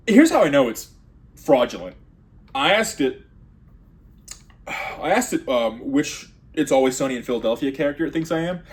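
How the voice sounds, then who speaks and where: A man doing a rambling comedic monologue, sarcastic with deadpan asides. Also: medium pitch, a little fast.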